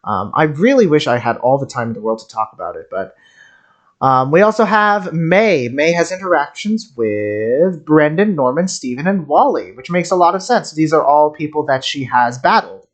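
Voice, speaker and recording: An animated streamer of middling pitch, at a moderate pace, comments off the cuff on game voice lines. His tone is wry and geeky, wandering wherever his thoughts lead.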